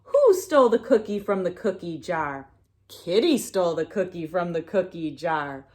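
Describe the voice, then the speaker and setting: A woman of fairly low pitch reads a picture book aloud to little children, sing-song and expressive, with pauses to prompt her listeners.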